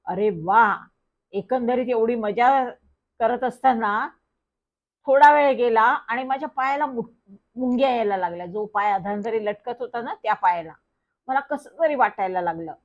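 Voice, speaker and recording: A woman reading a children's story aloud, telling it in a lively first-person way. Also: fairly high pitch, normal speed. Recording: dull lo-fi recording.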